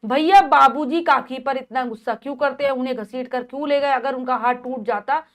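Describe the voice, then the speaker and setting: A kind little girl asks anxious questions in a bright, raised voice, as a woman teacher reads her part. She is a figure in a classroom reading of a play. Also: high-pitched, fairly quick, natural voice. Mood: worried. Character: worried, kind young girl.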